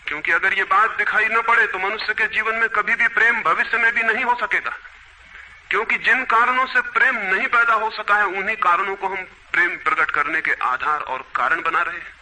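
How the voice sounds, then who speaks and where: Bright-voiced man giving spiritual discourse. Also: high voice, brisk, low-quality recording. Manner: earnest, emphatic. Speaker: spiritual speaker.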